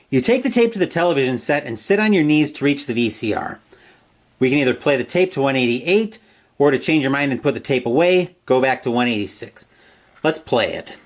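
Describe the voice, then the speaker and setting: Guy reading a solo horror gamebook out loud, lively up and down voice, chatty dice-roll asides. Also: mid-range voice. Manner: dramatic narration, asides on dice rolls. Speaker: host playing a solo gamebook.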